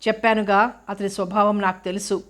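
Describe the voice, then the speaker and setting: A woman reading the part of a resolute older female cook who speaks in a steady, firm, solemn way. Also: mid-range voice, brisk, close to an everyday voice.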